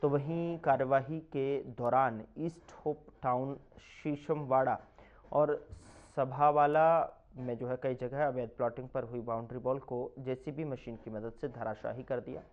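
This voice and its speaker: Male news reporter, voice-over, emphatic delivery, mid-pitched, slightly muffled lo-fi sound. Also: fairly even intonation, a little slow. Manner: emphatic, punchy news read. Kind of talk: scripted news narration.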